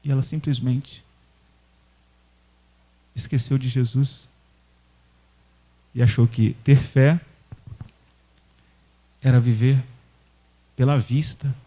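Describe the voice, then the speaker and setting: A man's voice: medium pitch, steady tone, slow pace, pauses often, warm tone. A man with a Brazilian accent, a pastor preaching a sermon in church and telling a story with animation. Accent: Brazilian Portuguese.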